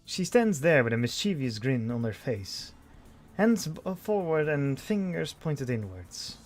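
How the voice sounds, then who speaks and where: Man, slightly high voice, visual novel read-through, dry narration, restarts. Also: big pitch swings, unhurried, faint music behind. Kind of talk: reading a visual novel aloud.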